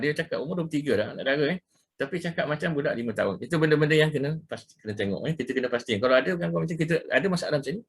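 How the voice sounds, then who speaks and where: A middle-aged man with a Malaysian Malay accent, lecturing over slides. He talks fast in a husky voice, circling back on his points and slipping English words into his speech. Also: fairly high pitch. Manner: casual, repetitive, mixes in English words, frequent "ya" and "ha". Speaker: ruqyah practitioner giving a talk.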